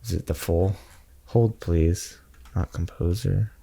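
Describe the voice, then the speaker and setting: A man's voice: low voice, slow, vocal fry, mellow, slightly rough. A man co-hosting a podcast, chatting casually in a rambling way with dry jokes. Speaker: podcast co-host. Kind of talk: casual chat.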